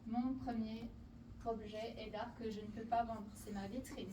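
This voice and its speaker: Speaking at normal speed in a fairly high voice with little pitch movement, a Portuguese painter guides visitors through her exhibition in a hall, presenting her artworks hesitantly amid many fillers and restarts. There's background noise, and she is distant from the mic in the roomy hall.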